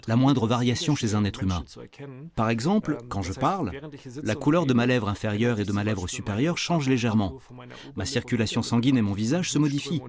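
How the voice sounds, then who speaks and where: A man with a mid-range voice explains his ideas in an interview. He makes his points patiently, using everyday examples. The murmur of a crowd is clearly heard around him. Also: medium pitch.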